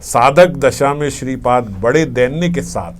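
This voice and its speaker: A man giving a devotional scripture discourse, telling a sacred story in a gentle, storytelling way with frequent shifts in loudness. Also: mid-range voice, animated, measured pace, a little hiss or hum. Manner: gentle, storytelling, varies volume often. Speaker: spiritual teacher.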